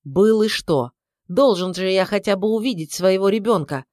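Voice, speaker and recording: A woman's voice: mid-range voice, normal speed, a little mellow, no echo, studio quality, natural voice. A woman voicing a sarcastic, irritable middle-aged husband who grumbles. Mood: irritated.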